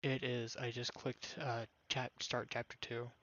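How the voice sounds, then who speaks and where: A soft-spoken man chatting casually and low-key during a stream. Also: level tone, unhurried, no room sound. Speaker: streamer and reader. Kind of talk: casual chat. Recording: dull lo-fi mic.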